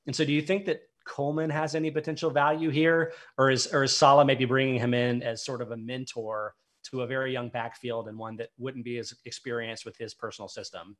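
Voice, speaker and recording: A man's voice: medium pitch, flat delivery, brisk, few pauses, a bit bright. A man hosting a sports podcast, setting up long detailed questions with a dry, sarcastic edge. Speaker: podcast host. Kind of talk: casual podcast interview.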